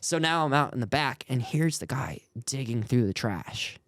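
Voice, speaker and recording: A man's voice: medium pitch, normal speed, dry recording, studio quality. A young man, a worship leader on a podcast as a guest, telling a story casually and acting out the voices of the people in it. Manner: animated, acts out the quoted voices.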